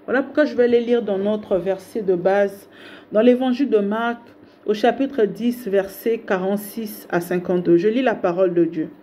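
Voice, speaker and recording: A woman's voice: mid-range voice, steady tone, normal speed, dark tone, slight background noise. A woman preacher delivering a fervent sermon, with repeated exhortations in a rhythmic, building cadence. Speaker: prophetess preaching online.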